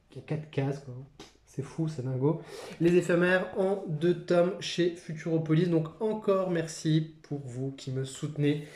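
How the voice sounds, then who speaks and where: A French man hosting a comics channel, chatting casually and enthusiastically about his new books, often pausing on fillers. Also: a little high, mellow, roomy sound, slight background noise. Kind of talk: casual haul vlog talk.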